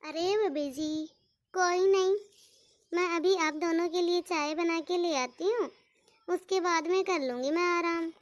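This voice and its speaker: Woman doing a patient elder daughter-in-law, gentle, respectful, cartoon, very high pitch. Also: unhurried, no room sound. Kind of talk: cartoon voice acting.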